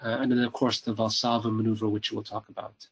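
A man's voice: on the low side, little pitch movement, fast, vocal fry, husky, poor audio. A middle-aged man from Canada giving a cardiology rounds lecture, speaking hesitantly with many ums, uhs and repeated words.

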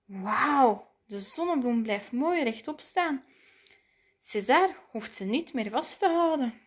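A woman reading a children's picture book aloud, lively and playful. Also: high voice, measured pace. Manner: lively, playful voices for the characters. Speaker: storybook reader.

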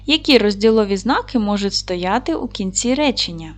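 A woman's voice: mid-range voice, lively intonation, normal speed. A woman teaching a recorded lesson to young children. She is patient and encouraging, asks questions, and answers them herself. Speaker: primary school teacher.

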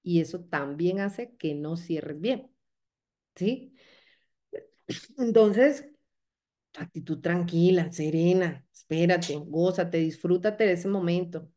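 A woman's voice: fairly low pitch, slow, pauses often, mellow. A woman giving a motivational training talk to her sales team, coaching them and checking in often with short questions.

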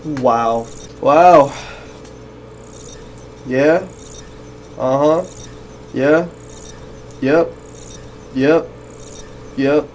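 A man's voice: medium pitch, drawn-out words, long pauses, rough recording. Young guy griping through a gaming video, swears a lot, slangy, game noise behind him. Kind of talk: casual gameplay commentary.

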